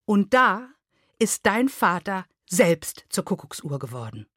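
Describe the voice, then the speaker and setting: A woman's voice: mid-range voice, big pitch swings, slow pace, fairly bright tone, no room sound, clean studio sound, heavily acted. Stern elderly mother, read by a woman. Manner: stern, agitated.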